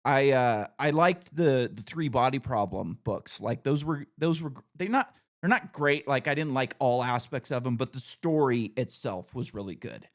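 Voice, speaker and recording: A man's voice: mid-range voice, expressive, normal speed, few pauses. A man in his thirties hosting a casual podcast conversation, chatty and opinionated, leaning on "like" and "you know". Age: 30s. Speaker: podcast host.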